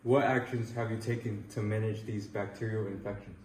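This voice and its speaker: A man's voice: on the low side, steady tone, a little fast, a little mellow, close to an everyday voice. A man playing an earnest, patriotic 1940s field reporter in a scripted news interview. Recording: echoey room with faint noise.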